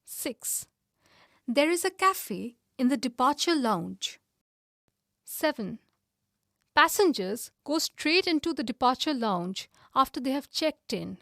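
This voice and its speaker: A woman reads numbered textbook sentences slowly and clearly. Her voice sits high, and the recording is dry and close. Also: big pitch swings, a bit bright, no room sound. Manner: clear, evenly paced reading. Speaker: reader of exercise items. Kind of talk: scripted textbook reading.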